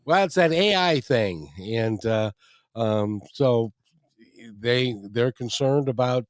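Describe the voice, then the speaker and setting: A man's voice: mid-range voice, animated, takes it slowly, no echo, studio quality. A man hosting a talk show, chatting in a friendly way with a guest and closing the episode. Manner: friendly, chatty, repeats words. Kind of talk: casual interview and show outro.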